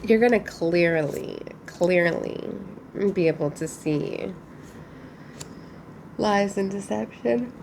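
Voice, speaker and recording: A woman giving a casual, chatty spiritual tarot reading, musing aloud with thoughtful pauses. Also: mid-range voice, gravelly, background noise. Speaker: tarot reader.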